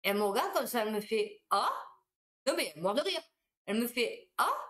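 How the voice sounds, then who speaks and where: A woman, a supermarket cashier, telling anecdotes in a casual, animated monologue. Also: on the high side, a little fast.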